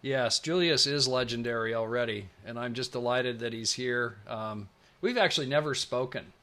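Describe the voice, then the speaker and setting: A man's voice: medium pitch, normal speed, bright, forceful tone. A man hosting a live online presentation on a video call, chatty and enthusiastic, rambling with fillers. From Pacific Northwest United States. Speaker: webinar host.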